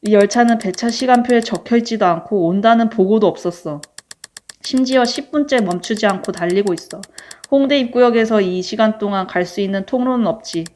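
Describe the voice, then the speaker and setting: A brusque young male subway worker, voiced by a woman reading a story game aloud. He talks casually and to the point, giving orders without softening them. The voice sits at an ordinary middle pitch. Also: a little fast, natural voice. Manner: casual, brusque, matter-of-fact.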